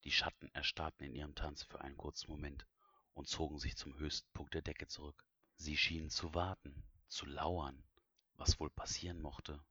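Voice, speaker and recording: A man's voice: rumbling low, little pitch movement, moderate pace, bright, forceful tone, husky, no echo. A man reading an audiobook as narrator in a suspenseful voice that drops to whispers. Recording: dull, dry, lo-fi recording.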